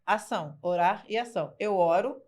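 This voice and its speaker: A woman guest in a casual interview telling her story in a lively, frank way. She talks colloquially with slang and fillers, and often acts out what people said. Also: mid-range voice, normal speed. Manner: lively storyteller who acts out quoted dialogue. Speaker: interview guest, business owner.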